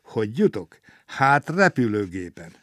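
A round little storybook traveler who loves chocolate, voiced a touch higher and louder than the telling around him, as a man reads him out. He sighs heavily over his troubles, then cheers up at every new idea. The recording is close and dry. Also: very animated, husky, no room sound, distant mic. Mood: cheerful. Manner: sighing, then brightening.

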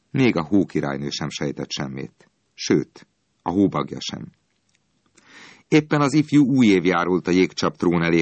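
A man tells a storybook tale in an expressive, dramatic way. His voice sits very low. The recording is dry and close, with no room sound. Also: no echo. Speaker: narrator. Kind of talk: storybook reading.

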